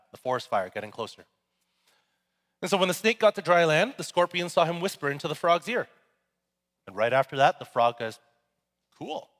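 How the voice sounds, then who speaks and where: A man's voice: mid-range voice, fairly bright tone. A male pastor giving a sermon in a casual, joking, conversational way. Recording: echoey hall.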